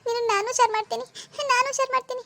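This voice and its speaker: A distraught mother in a cartoon pleads and wails in a very high, strained voice, as a woman puts her on. She begs the doctor tearfully for her daughter, talking quickly. The sound is dry and close. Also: level tone, darkish tone, dry recording. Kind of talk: Kannada cartoon voice acting.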